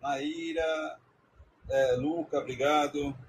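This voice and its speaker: A man's voice: fairly high pitch, steady tone, slow, slight background noise, low-quality recording. A man co-hosting a live stream, joking and reading out viewer comments. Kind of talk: casual live stream banter.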